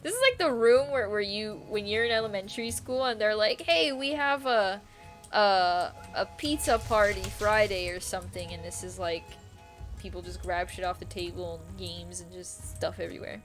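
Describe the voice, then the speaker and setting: A woman's voice: mid-range voice, a little fast. A young woman streaming a game, chatting casually and rambling, with frequent giggles and casual swearing. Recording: faint music behind.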